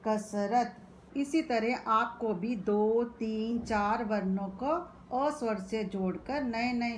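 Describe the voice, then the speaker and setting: Woman teacher, slightly high voice, slow careful delivery for young kids. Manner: spells out syllables slowly and clearly. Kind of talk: slow children's phonics lesson.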